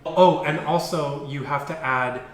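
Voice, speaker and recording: A man's voice: on the high side, a little slow, a crowd in the background. A man co-hosting a food challenge, chatting casually in a playful, jokey way. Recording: echoey room, faint background noise.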